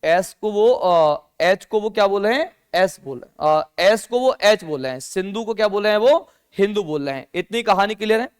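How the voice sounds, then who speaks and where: High-voiced man teaching a class. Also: animated, normal speed, few pauses, clear, resonant tone. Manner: asks the class questions and answers them himself; mixes English words into Hindi. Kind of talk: classroom lecture.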